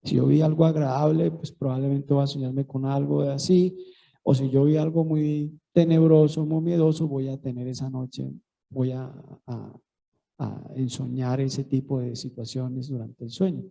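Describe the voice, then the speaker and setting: A man on a panel explaining sleep therapy in a measured, clinical way. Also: mid-range voice, little pitch movement, gravelly, dark tone, dull audio.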